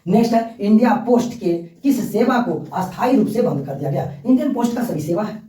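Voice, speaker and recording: A man's voice: high voice, lively intonation, fairly quick, warm tone. Male teacher quizzing and repeating exam answers. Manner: quizzing, answers own questions, repeats key facts. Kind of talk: live exam-prep lesson. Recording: echoey room, voice from far off mic.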